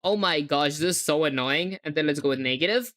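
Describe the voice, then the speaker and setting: A deep, fairly bright voice, a little fast, belongs to a young woman coding on a livestream. She thinks out loud, spells words letter by letter, and talks with viewers, her hybrid accent hard to place.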